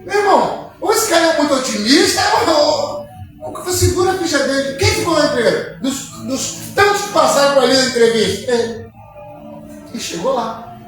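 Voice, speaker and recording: A man preaching with a high voice, rising into shouted peaks and playing out little dialogues. He sounds distant, in a big echoey church hall. Music plays behind him. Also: big pitch swings, normal speed. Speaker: pastor. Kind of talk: sermon.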